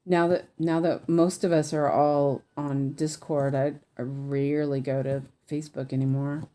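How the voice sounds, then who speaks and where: Low-voiced woman with a slushy lisp. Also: level tone, normal speed, mellow. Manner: meandering, thinking aloud. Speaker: craft livestream host. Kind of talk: casual livestream chat while stitching.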